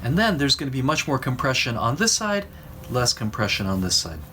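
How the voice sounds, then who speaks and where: Male drawing instructor, mid-pitched, unhurried explanatory delivery, faint noise behind. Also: big pitch swings, sharp tone. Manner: explanatory, talks while drawing, pauses mid-phrase. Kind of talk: recorded art lesson.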